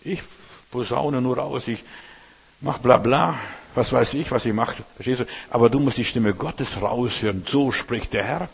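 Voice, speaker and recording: A man preaches as pastor in a colloquial, direct style, constantly turning to the listener. His voice is husky. It rings out with a long reverb, as if in a large hall. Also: medium pitch, moderate pace. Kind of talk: sermon.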